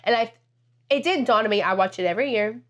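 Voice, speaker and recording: A woman's voice: on the high side, quick pace, fairly bright tone. A woman in her thirties co-hosting a podcast, talking casually and with emphasis. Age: 30s. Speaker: podcast co-host. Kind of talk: casual chat.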